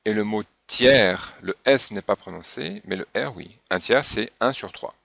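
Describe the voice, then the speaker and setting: A man's voice: fairly low pitch, unhurried, vocal fry, dry recording. A man teaching a French pronunciation lesson, patiently spelling out example words one by one. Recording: dull, dry lo-fi recording.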